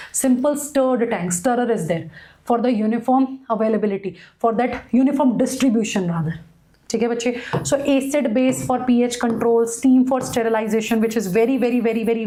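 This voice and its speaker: Casting: female online lecturer, North Indian accent, fairly high voice, repetitive explanatory delivery with Hindi asides. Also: a little fast, mellow. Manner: repeats phrases for emphasis, mixes in Hindi asides. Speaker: biology teacher giving an online class. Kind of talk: lecture with checking questions to students.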